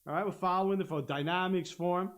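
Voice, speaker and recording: A man teaching a guitar lesson on a live stream, explaining step by step and humming out rhythms, with loud guitar playing behind him. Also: high voice, steady tone, fast talker. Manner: explains step by step, hums rhythms, checks in with "okay?". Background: guitar playing and looper.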